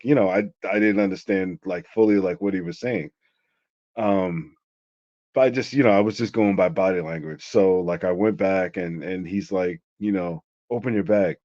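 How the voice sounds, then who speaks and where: A middle-aged interview guest tells a story casually, rambling and saying "like" constantly. His low voice is a little mellow, with no echo and a dull lo-fi sound.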